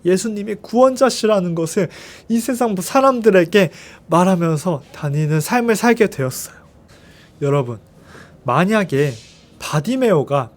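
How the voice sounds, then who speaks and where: Very high-voiced man telling a kids' story. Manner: animated, expressive storytelling with questions to the children. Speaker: children's ministry teacher. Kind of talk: children's sermon storytelling.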